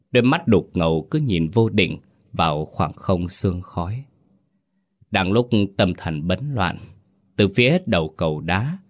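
A man with a very deep, low voice narrates a ghost story. His delivery is steady and dramatic.

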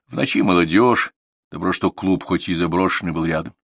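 A male audiobook narrator with a somewhat low voice, telling the story in a calm, even way. The reading is dry and close, with no room around it. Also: brisk, vocal fry, no echo.

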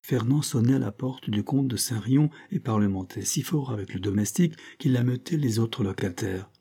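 A man's voice: medium pitch, moderate pace, dark tone, husky. A man narrating an adventure novel as an audiobook, with dramatic storytelling. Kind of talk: scripted narration.

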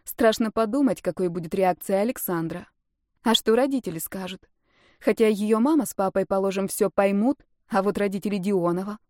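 Woman narrator, mid-pitched, measured storytelling, dry close recording. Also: a little mellow, no echo. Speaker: audiobook narrator. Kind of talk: scripted narration.

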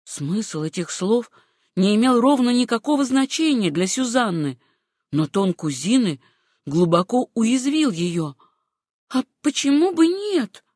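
Woman narrator, audiobook reading, lively pitch, dry close sound. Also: a little slow, dry recording.

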